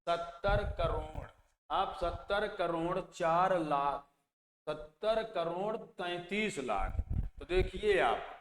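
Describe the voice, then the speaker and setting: A man teaches math slowly, stepping through place values one by one. His voice sits a little high. The room is echoey with a long reverb and a faint hum of noise behind him. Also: animated, fairly bright tone. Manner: slow, repeats place values and asks then answers his own questions. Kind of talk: exam-prep math lesson.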